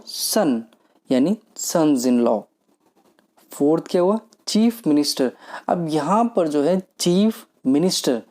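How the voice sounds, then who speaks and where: A man teaching a grammar lesson in a mellow, relaxed voice. He poses questions and answers them himself. He slows right down whenever he reads out an example sentence. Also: fairly high pitch.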